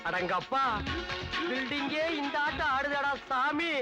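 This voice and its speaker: A man's voice: very high voice, animated, unhurried, loud music behind the voice. An actor playing a fussy, flirty comic man who rambles and whispers sly asides, in a comedy film scene. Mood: fussy, rambling. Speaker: comic side character. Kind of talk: 1990s Tamil film comedy acting.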